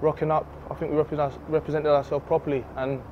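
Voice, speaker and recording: A man's voice: a little high, fast talker. A man playing a candid young footballer. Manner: relaxed, candid, laughs easily. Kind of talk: post-match interview. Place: empty football stadium stands, outdoors. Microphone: handheld reporter mic. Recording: slightly dull outdoor audio with faint noise.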